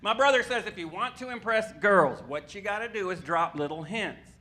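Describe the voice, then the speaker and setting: A man performing a stand-up comedy set on a club stage, dropping deadpan punchlines and talking to the crowd. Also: high voice, moderate pace. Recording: live club recording with audible room noise. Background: audience laughter.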